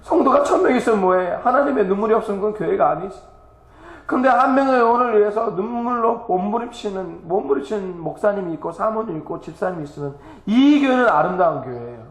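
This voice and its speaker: Man, missionary giving an emotional church report; higher pitch, echoey sanctuary. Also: quick pace. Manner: animated, laughing and tearful, exclaiming.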